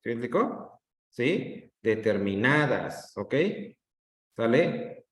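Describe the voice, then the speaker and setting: A man teaching an online class, drawing out words to show the stressed syllable and often checking in with "¿sí?". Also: on the low side. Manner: drawn-out demonstrations of stress, frequent checks with "¿sí?". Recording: roomy echo.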